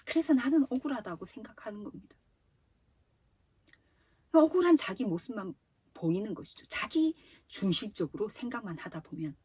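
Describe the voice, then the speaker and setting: Woman youth preacher, breathy and mellow, speaks straight to teen listeners. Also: medium pitch, moderate pace, pauses often, no echo. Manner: addresses listeners directly, in a lively teaching tone. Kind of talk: sermon to teenagers.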